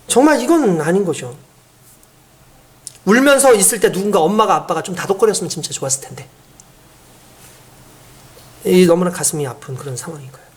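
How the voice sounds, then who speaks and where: A male pastor preaching a sermon who often puts questions to the congregation. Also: high-pitched. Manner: animated, asks the congregation questions.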